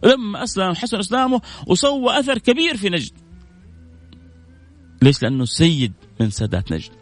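A man hosting a religious radio talk show, telling stories with lively jumps in pitch and reading out listener messages. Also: fairly quick, soft background music. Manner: lively storytelling with sudden high pitch jumps. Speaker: radio host and preacher.

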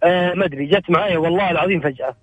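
Male caller, slightly high voice, close dry sound. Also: racing, breathy edge, no echo, narrow, tinny audio. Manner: warm and effusive, rattles off words. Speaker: caller who sings on air. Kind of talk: phone-in chat.

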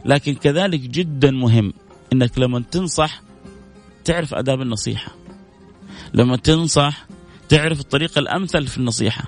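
A middle-aged man with a Saudi accent hosting a religious advice talk show, animated and preachy, with mocking asides. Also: mid-range voice, fairly quick, long pauses, soft background music. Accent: Saudi Arabic. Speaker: host.

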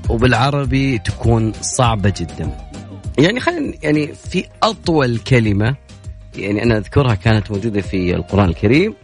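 A man hosting a casual radio talk show, chatty and playful. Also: mid-range voice. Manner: chatty, playful, fast-talking. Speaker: radio host.

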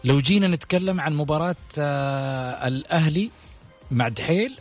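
A man's voice: a little high, normal speed, soft background music. A man hosting a radio sports show, running through league standings and questioning his guest. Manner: questioning, lists standings and results.

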